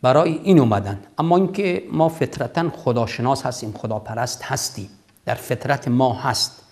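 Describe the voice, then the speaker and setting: A man in his fifties answers as the host of a religious call-in program. His pitch is average for a man. He teaches emphatically, stacking repeated phrases, recorded on a lapel mic in a studio. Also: darkish tone. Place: TV studio, seated at desk.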